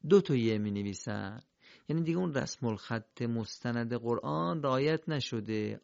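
A man teaching Quran recitation in a recorded lesson, explaining the rules step by step and modeling each pronunciation slowly. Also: medium pitch, gravelly, dry recording. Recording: dull lo-fi recording.

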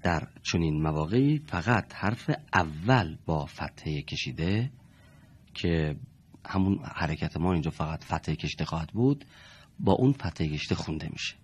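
A man teaching Quran reading to a class, explaining letters and marks and slowly sounding out example words. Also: deep voice, a little mellow, breathy edge. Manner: slow, stretched-out demonstration of words. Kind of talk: classroom lesson.

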